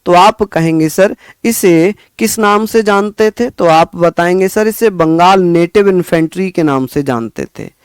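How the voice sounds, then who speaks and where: A man teaching a history lesson, repeating key facts slowly for his students to memorize. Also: sits high, clean tone, no room sound. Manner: scolding but caring pep talk. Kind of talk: exam-prep history lesson.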